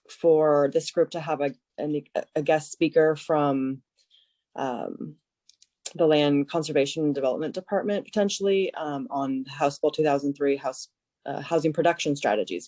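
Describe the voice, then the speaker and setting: A woman committee member on a video call, making a suggestion haltingly with many fillers. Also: low-pitched, mellow, dry recording.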